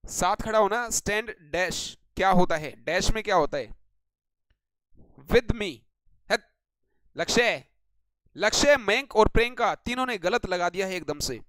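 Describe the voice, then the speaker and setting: A man leads a live online grammar lesson, calling on students by name and teasing them as he goes. His voice sits high and comes through smooth and clear. The sound is dry and close, with no room echo. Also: animated, measured pace, long pauses, fairly bright tone. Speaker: English grammar teacher.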